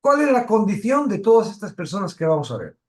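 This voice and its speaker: A man's voice: high-pitched, sing-song, darkish tone. A man from teaching a Bible study, asking questions and stressing key words. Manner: questioning, emphatic, pauses and restarts.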